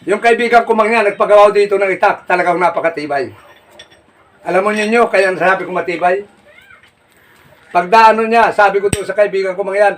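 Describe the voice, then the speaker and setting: A man telling jokes in a folksy, rambling way, laughing at his own punchlines and shouting them out. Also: sits high. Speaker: comedy joke teller. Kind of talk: casual joke telling. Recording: distant mic with faint noise.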